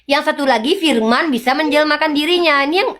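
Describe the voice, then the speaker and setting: Insistent high-voiced woman debating. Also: brisk, a bit bright. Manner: insistent, lecturing, repeats rhetorical questions. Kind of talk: heated religious debate.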